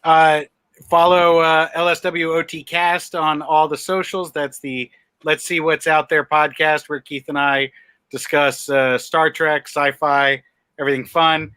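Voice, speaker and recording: A man's voice: a little high, level tone, unhurried, sharp tone, clean tone, no echo. A man co-hosting a podcast, upbeat while plugging shows. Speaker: podcast co-host. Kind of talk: casual plugging.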